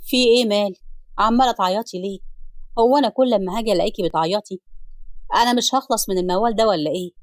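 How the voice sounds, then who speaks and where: Woman as an exasperated Egyptian husband, lowered voice, quick delivery, storybook. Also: no echo, lightly acted. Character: frustrated middle-aged husband, torn between family.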